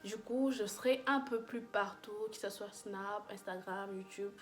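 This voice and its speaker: A woman's voice: mid-range voice, unhurried. A young woman chatting casually in a makeup review vlog, gushing and full of fillers and restarts. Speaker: beauty vlogger.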